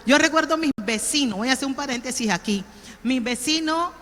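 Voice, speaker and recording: In a reverberant church hall, a woman pastor from Colón, Panama, preaches with a Panamanian accent. Her voice is high-pitched, brisk and fairly bright, and her sermon feels conversational as she keeps checking in with the congregation.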